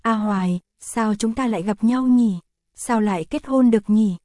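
Woman reading pouty young man, affectionate, soft even delivery, mellow tone, audiobook story. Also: fairly high pitch, moderate pace, no room sound, natural voice. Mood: earnest.

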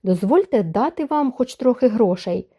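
A woman voicing a kind, generous noblewoman who speaks softly and insistently. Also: on the high side, animated, normal speed, husky. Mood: gentle. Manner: soft, pleading.

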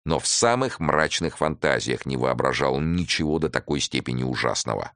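A man narrating a detective novel audiobook in a measured, terse, dramatic reading. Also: extremely low pitch, lively intonation, fairly bright tone, clean tone, dry recording, clean studio sound.

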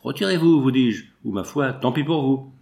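A man voicing an impatient, irritable gentleman with a gun, giving curt, exasperated replies. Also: mid-range voice, expressive, normal speed, natural voice. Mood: angry.

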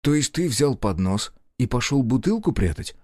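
A man voicing a calm male investigator who questions persistently and measuredly, in an audiobook. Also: medium pitch, moderate pace, no echo, clean studio sound. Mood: probing.

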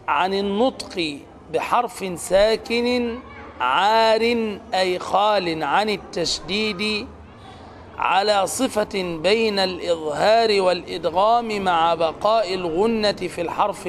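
A man with a high voice teaches the rules of Quran recitation. He explains step by step and stretches out words to demonstrate each sound. A faint hiss runs under the recording. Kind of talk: tajweed lesson.

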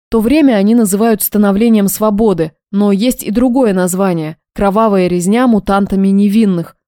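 A woman's voice: mid-range voice, mellow, no echo, clean studio sound. A woman reading a first-person novel as an audiobook narrator, telling it expressively.

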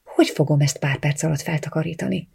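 A reader narrating a first-person novel in a quiet, subdued way. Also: medium pitch, fairly even intonation, vocal fry, breathy edge.

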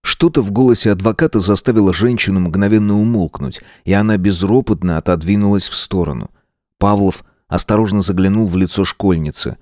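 A man narrating an audiobook thriller in a measured, tense storytelling manner. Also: lowish voice, a little mellow, dry recording, clean studio sound.

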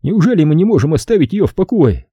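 A man reading an audiobook, voicing a calm, weary, grieving old father. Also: a little high, quick pace, husky, no echo, dull audio, voice pushed up. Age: older.

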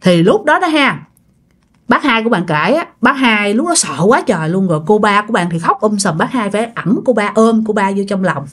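A woman's voice: mid-range voice, brisk. A woman with a Southern Vietnamese accent telling a ghost story casually, acting out quoted voices. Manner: animated, acts out quoted voices.

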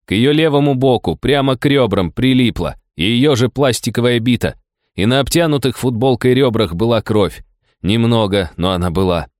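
A man narrating a first-person audiobook story in a steady, even storytelling manner. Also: medium pitch, normal speed, no room sound, studio quality.

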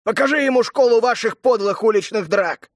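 A man voicing a brutal, furious male crime boss who snarls and shouts, in a storybook reading. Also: very high-pitched, no echo, studio quality, pitched above the performer's own voice. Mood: enraged. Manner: snarling, shouting, drawn-out threats.

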